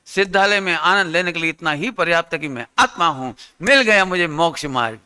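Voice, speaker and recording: A man giving an interactive sermon as a Jain religious teacher, animated, quizzing his listeners and acting out little scenes. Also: a little high, a little fast, smooth.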